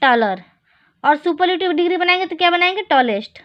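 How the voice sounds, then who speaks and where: A woman with a very high voice teaches an English grammar lesson in Hindi. She keeps asking questions and answering them herself, and she slows right down for each example sentence. The recording is dull and lo-fi. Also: lively intonation. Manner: reads English examples slowly.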